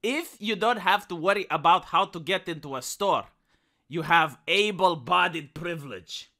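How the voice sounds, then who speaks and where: A young adult man giving a satirical dramatic reading like a hammy stage actor, pompous and theatrical, swinging from hushed lines to loud declaiming. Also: a little high, normal speed. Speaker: comedic narrator.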